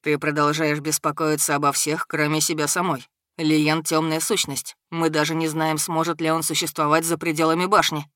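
A woman voicing a stern, powerful male dragon who speaks in a low, even, dry way. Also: moderate pace, no room sound. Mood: cool.

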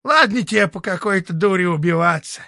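Male reader doing a gruff old hermit sorcerer, scornful and barking, raised voice, bright edge. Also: sits high, brisk, no echo, clean studio sound, voice pushed up. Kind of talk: audiobook character voicing.

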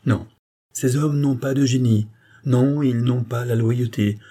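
A cold, scheming occultist, read by a man who lays out his case in long, sweeping, relentless periods. The voice is dark and husky, with a mellow, low warmth under the grandeur. It sounds like an audiobook character reading. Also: fairly even intonation, measured pace, close to an everyday voice. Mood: grandiose.

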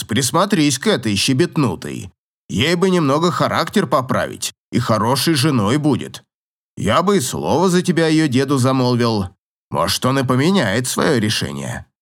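A man voicing a gruff, teasing old professor in an audiobook, grumbling and chuckling in a slow drawl. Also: medium pitch, sing-song. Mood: matchmaking. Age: older.

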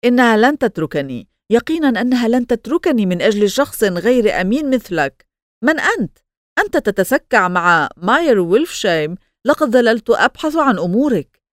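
A woman's voice: a little high, sing-song, brisk, dry recording, studio quality, voice pushed up. A woman reading as a blustering rich husband. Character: brash wealthy husband, man, domineering.

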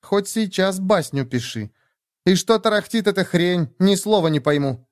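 A man's voice: sits high, lively intonation, dry recording, clean studio sound, voice pushed up. A man putting on a brash, foul-mouthed young woman. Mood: nervous teasing. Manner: mocking, crude, quick to anger.

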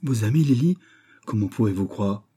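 A man's voice: on the low side, animated, normal speed, warm tone, breathy edge. A male reader voicing Gertie, an earnest, kindhearted young woman who worries and stumbles over her words. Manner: earnest, flustered.

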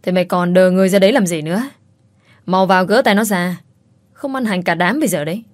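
A leering, bossy old man in his sixties, played by a woman narrator, barking orders and threats. The voice sits low and is recorded close and dry, with no room around it. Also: fast talker, no room sound, natural voice. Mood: gruff. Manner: gruff, scolding, leering.

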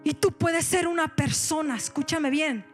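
Woman pastor, animated sermon delivery, code-switches, high-pitched. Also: normal speed, soft background music. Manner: animated, switches into English, directs the congregation.

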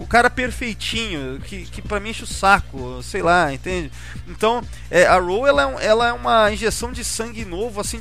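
A Brazilian podcast host chats casually about a TV series, frequently tossing in tag questions. His voice sits high and a bit bright, with music running under it.

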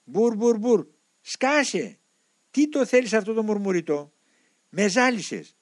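A man voicing a male demon possessing a monk, shouting threats and mockery. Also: high voice, big pitch swings, no room sound, studio quality, voice pushed up. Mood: furious.

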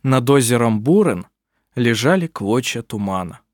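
A man narrating an audiobook in a lively, expressive scripted reading. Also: medium pitch, measured pace, no echo, studio quality.

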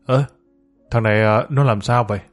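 A man voicing a loud, coarse, hard-drinking male gang boss in a storybook. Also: lowish voice, steady tone, moderate pace, faint music behind, lightly acted. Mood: boisterous.

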